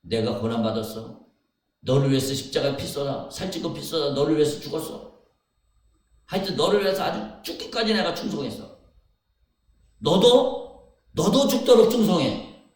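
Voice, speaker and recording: An earnest, pleading Jesus, as a man preaching puts him on. He hammers short phrases again and again, his pitch rising as he goes. The voice rings in a very echoey hall, picked up from a distance. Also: big pitch swings, measured pace, pauses often. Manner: emphatic, repeats short phrases.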